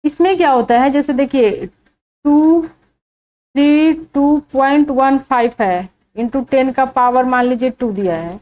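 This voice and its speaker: A woman teaching a maths lesson, walking through each step slowly and answering her own questions. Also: high voice, darkish tone, rough recording. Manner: asks the viewer questions and answers them herself, slow and deliberate.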